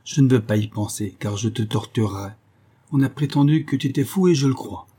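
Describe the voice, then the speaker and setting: A man's voice: mid-range voice, fairly quick, warm tone, breathy edge, close to an everyday voice. A man voicing a young male hero who speaks coldly, voice shaking with anger, in an audiobook. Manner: cold, trembling with anger.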